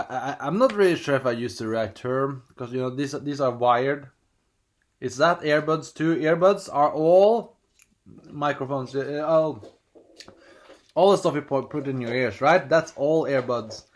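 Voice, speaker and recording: This Norwegian vlogger speaks with a mid-range voice, a bit slowly and with frequent pauses. He chats casually at home while unboxing something, rambling and hesitating, often restarting, and reading screen prompts aloud in his Norwegian accent.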